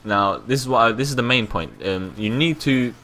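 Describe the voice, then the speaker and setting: A man's voice: mid-range voice, big pitch swings, normal speed, bright, forceful tone. A young man from London with a London accent, giving casual gameplay commentary, rambling and repeating himself with the odd swear word. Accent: London English.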